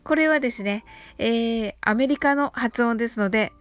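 A woman hosting a podcast English lesson, talking politely and chattily with soft fillers. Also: fairly high pitch, normal speed, faint music behind. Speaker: host of an English-learning podcast.

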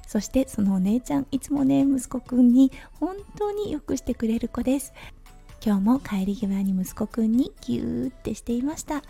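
A woman in her thirties hosting her own talk podcast, telling stories in a gentle, chatty way with soft fillers. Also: on the high side, expressive, moderate pace, creaky, slightly rough, faint music behind. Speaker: podcast host. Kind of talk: casual solo talk radio.

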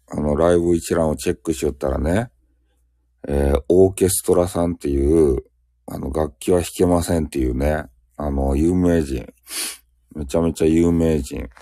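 A man's voice: extremely low pitch, gravelly, dark tone, no room sound, studio quality. A man with a Fukuoka accent chatting casually and ramblingly on a solo live audio stream, joking at his own expense. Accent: Fukuoka dialect. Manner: rambling, joking, self-mocking.

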